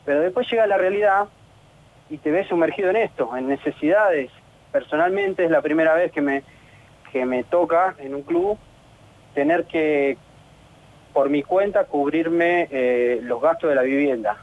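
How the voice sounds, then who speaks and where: Argentine footballer, male, halting and frustrated, phone-line sound on radio. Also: a little high, slight background noise. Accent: Argentine Spanish. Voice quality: halting, many restarts and fillers. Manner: earnest, frustrated. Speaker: professional footballer. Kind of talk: radio interview.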